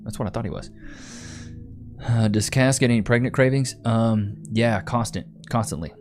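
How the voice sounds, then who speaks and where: Hosting a live stream over soft background music, a young Texan reads comments and chats casually at a moderate pace. His medium-pitched voice carries a laid-back, rambling style, and he repeats himself and says "bro."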